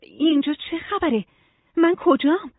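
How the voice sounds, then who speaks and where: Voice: very high-pitched, dry recording, pitched above the performer's own voice. A reader voicing an anxious young woman. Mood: confused. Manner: anxious, pleading questions. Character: young woman, unhappy and confused. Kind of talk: audiobook reading. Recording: tinny phone-like sound.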